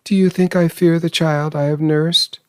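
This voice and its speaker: A man voicing a hysterical, desperate old mother in a storybook reading, feverish, excitable and insistent. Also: fairly high pitch, normal speed, clean tone, dry recording, clean studio sound, pitched above the performer's own voice, close to an everyday voice. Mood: feverish insistence. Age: older.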